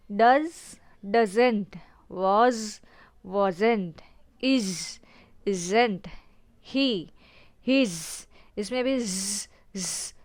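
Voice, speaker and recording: A woman's voice: fairly high pitch, smooth, no echo. A woman teaching phonics, spelling out letters and repeating example words one by one. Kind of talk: slow explanatory phonics lesson.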